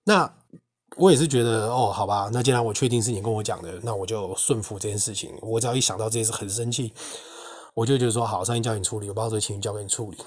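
A young man with a Taiwanese Mandarin accent, hosting a podcast and telling a personal faith story in an indignant, animated way. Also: lowish voice, fast talker. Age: young adult. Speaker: podcast host. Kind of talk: casual personal testimony monologue.

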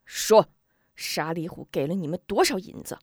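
A woman's voice: on the low side, lively intonation, unhurried, a little mellow, no echo, clean studio sound. A woman voicing a fierce old beggar woman, a martial heroine who questions sternly and commands. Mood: stern, angry.

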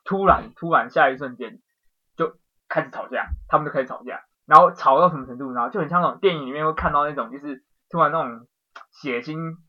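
A man tells a dream in a rapid, excitable rush that tumbles from one scene to the next. His voice sits on the high side. The recording sounds dull and lo-fi, like a home podcast. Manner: excitable storytelling, rapid, swears casually. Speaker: podcast co-host. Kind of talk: casual chat, telling a dream.

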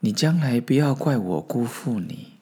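A man voicing an old male Zen master who speaks quietly and ruefully to his attendant. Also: medium pitch, lively intonation, normal speed, breathy edge.

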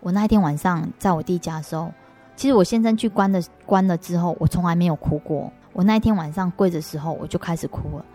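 Woman, Taiwanese Mandarin accent, lowish voice, earnest testimony, faint music underneath. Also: quick pace, dark tone. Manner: earnest storytelling with restarts. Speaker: interview guest. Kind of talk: personal faith testimony.

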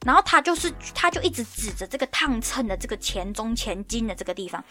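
A woman hosting a podcast, talking casually and in an exasperated, ranting way. Her voice sits a bit high for a woman. Faint music plays behind her. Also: sing-song, fast talker. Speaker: podcast host. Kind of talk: casual storytelling monologue.

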